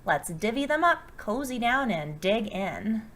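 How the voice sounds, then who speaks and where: A woman's voice: on the high side, sing-song, measured pace, fairly bright tone, a little hiss or hum. A woman voicing a friendly, eager storybook badger with a cheery manner.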